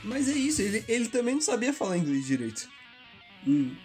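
A podcast co-host chatting casually and lively about songs. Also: mid-range voice, a little fast, soft background music. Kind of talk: casual chat.

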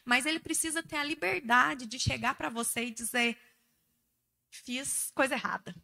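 A woman's voice: sits high, fairly quick, vocal fry, sharp tone. A woman speaking in a conversational teaching talk, direct and emphatic, with blunt asides. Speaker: church speaker on parenting.

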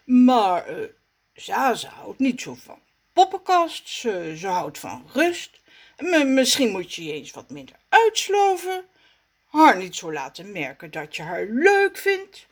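A woman voicing a calm, kindly man with a moustache in a storybook reading, soothing and patient. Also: a little high, takes it slowly, pitched above the performer's own voice, full character voice. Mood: mild.

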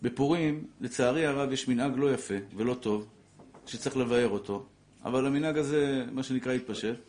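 Middle-aged rabbi, vivid storyteller with a moved, emotional delivery. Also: male voice, medium pitch. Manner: animated storyteller, acts out quotes, grows emotional. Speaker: rabbi teaching a Torah class. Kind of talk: emotional religious lesson with storytelling.

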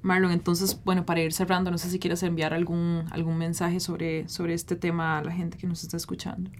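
Flat-toned woman host. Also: lowish voice, a little fast, a little hiss or hum. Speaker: interview host. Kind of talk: closing interview remarks.

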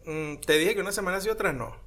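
A man co-hosting a casual podcast, chatting in an animated, joking, slangy way. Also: high-pitched, fast talker. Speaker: podcast co-host and language teacher.

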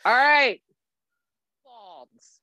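A woman's voice: high voice, lively intonation, extremely slow, pushed and bright. A middle-aged woman co-hosting a podcast in casual chat, blunt and sweary as she reads through a list. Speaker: podcast co-host. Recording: dull lo-fi remote audio.

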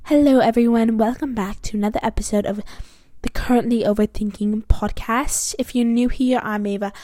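A young woman doing a hushed, slow impression of a calm podcast host with a put-on British accent, as whispered role-play. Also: a little high, natural voice. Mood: soothing.

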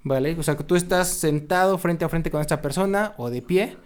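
A man's voice: fairly high pitch, brisk, smooth. A man, chatting casually and jokily as a podcast co-host. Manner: lively, jokey, slangy. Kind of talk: casual chat.

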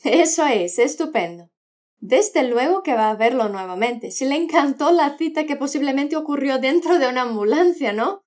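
A woman with a high voice teaches a podcast language lesson, and her pitch swings widely as she talks. She is patient and models words slowly for the listener to repeat. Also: lively intonation, a little mellow. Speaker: Spanish teacher.

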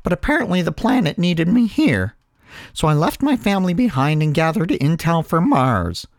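A man's voice: sits high, no room sound, clean studio sound, voice pushed up. A man voicing a scheming Martian spy in a comic audiobook, sly and sneering.

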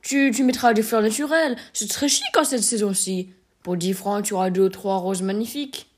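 A woman's voice: mid-range voice, normal speed, breathy edge, lightly acted. Brief: woman voicing a fussing male clerk, eager, a little stammering, storybook reading. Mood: coaxing. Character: flustered, eager-to-please male clerk husband.

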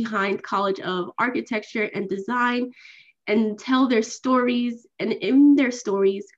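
A woman's voice: a little high, dull audio. A young woman hosting a student podcast, bubbly and enthusiastic in an upbeat way. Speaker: podcast host.

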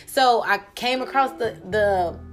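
A woman's voice: a little high, unhurried. Chatty woman podcast host with faint music. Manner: chatty, storytelling with asides. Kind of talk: casual interview chat.

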